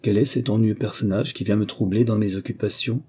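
Male reader doing a huffy rain fairy lady in a storybook, sniffly and snappish, voice jumps higher, husky edge. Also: fairly even intonation, brisk, mellow. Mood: lamenting. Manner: lamenting and snappish. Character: whiny, sniffling old female rain spirit.

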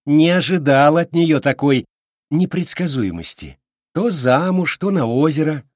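A man's voice: on the high side, expressive, measured pace, no room sound, voice pushed up. A man doing a thin-voiced, smug balding older man. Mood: needling. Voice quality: thin, unpleasant voice. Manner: mocking, falsely friendly.

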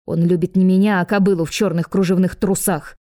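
A woman's voice: on the low side, steady tone, fairly quick, mellow, no echo, studio quality, close to an everyday voice. A woman voicing a jealous, spiteful young mother who gloats and rants. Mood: dramatic.

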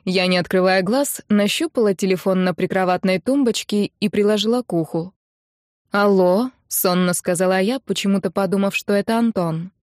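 A woman narrating a first-person novel in an even storytelling delivery as an audiobook narrator. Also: medium pitch, a little fast, hardly any pauses, no echo, clean studio sound.

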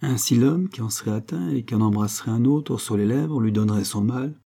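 A man voicing a brooding, jealous young nobleman in a novel reading, with a sombre, low manner. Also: a little fast, creaky, warm tone. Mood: uneasy.

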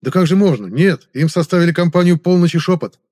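A man's voice: high voice, expressive, fast talker, warm tone, voice pushed up. A man doing a flustered raised-voice magister. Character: anxious deferential male magister, eager subordinate.

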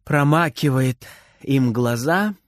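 A man reading a children's story aloud in a lively, theatrical way. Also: mid-range voice, slow, dry recording, studio quality. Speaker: narrator.

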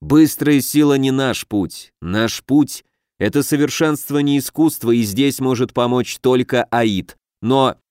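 A man voicing a stern, cold male dark mage teacher in an audiobook, speaking slowly and in a cutting way, a little lower than his own voice. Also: clean tone, no echo, clean studio sound, lightly acted. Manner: cutting, slow and measured. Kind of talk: audiobook character voice.

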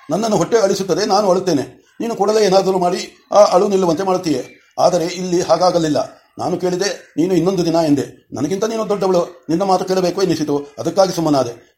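A man's voice: high voice, fairly quick, darkish tone, natural voice. A man reading the part of a loving young mother who speaks tenderly to her small son in a storybook.

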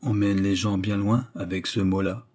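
This man's natural, slightly mellow voice sits fairly low, with steady tone and normal speed as he reads aloud. He gives voice to a scheming middle-aged noblewoman adventuress, persuasive and frightening her young companion with feigned sweetness. The mood is menacing and persuasive; the manner insistent and menacing.

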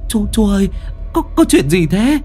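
A man's voice: high voice, very animated, normal speed, warm tone, faint music behind, pitched above the performer's own voice. Man doing a stammering, panicked older woman. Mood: panicked, pleading. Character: frightened middle-aged woman scrap collector.

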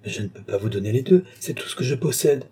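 A man's voice: medium pitch, expressive, dark tone, slightly rough. A man reading a timid young woman. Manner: halting, unsure. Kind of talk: audiobook character reading.

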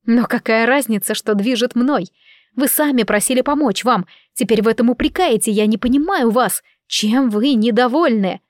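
A passionate young queen from an audiobook, as a woman reads her lines. She speaks with strong feeling in a somewhat high voice, dry and close to the mic. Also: moderate pace, no room sound, close to an everyday voice. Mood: indignant. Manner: emotional, impassioned. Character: young queen, proud and quick-tempered.

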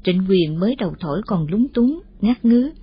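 A woman narrating an audiobook story in a calm, steady way. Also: medium pitch, moderate pace, husky. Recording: muffled lo-fi audio.

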